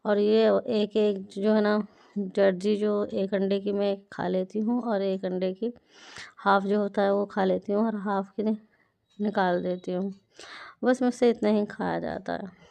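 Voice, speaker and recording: A woman talking through her morning in a casual, homely home vlog. She tends to fill her pauses with little filler phrases. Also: medium pitch, level tone, creaky, warm tone. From India. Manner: chatty, homely, fills pauses with "jo hai na". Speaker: vlogger.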